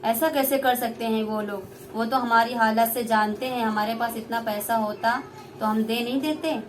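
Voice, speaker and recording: A poor, worried older father, voiced by a young woman speaks with anxious tenderness in a homemade puppet play. The voice stays fairly high. A faint hiss sits behind it. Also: fairly even intonation, moderate pace, natural voice.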